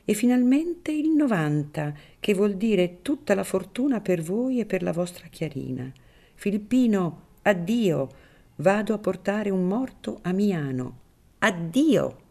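A woman reading aloud voices a crafty, scheming male priest, drawing out her words slowly. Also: mid-range voice, sing-song, creaky, a little mellow, pitched above the performer's own voice, heavily acted. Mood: sly.

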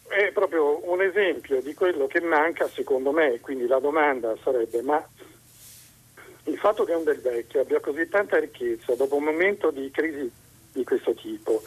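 A man phones in to a radio talk show, his voice coming down a telephone line. His tone is husky and slightly raspy, and the sound is dry and close. He pauses often and restarts his sentences while he looks for words. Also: medium pitch, no room sound. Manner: hesitant, searching for words with frequent pauses and restarts. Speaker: radio call-in listener. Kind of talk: call-in question to a radio host.

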